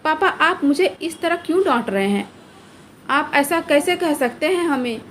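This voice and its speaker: Woman doing a spoiled young bride in a storybook tale, pleading and complaining, high voice. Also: lively intonation, normal speed, a bit bright, a little hiss or hum. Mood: upset. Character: spoiled young married woman, later remorseful.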